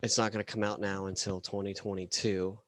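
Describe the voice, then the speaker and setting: A man co-hosting a casual podcast chat, rambling and halting with many fillers. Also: lowish voice, little pitch movement, a bit bright. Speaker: podcast co-host.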